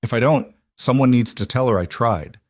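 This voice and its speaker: A man doing a flat, resigned wounded crime boss. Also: medium pitch, moderate pace, no echo, studio quality, close to an everyday voice. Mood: distant.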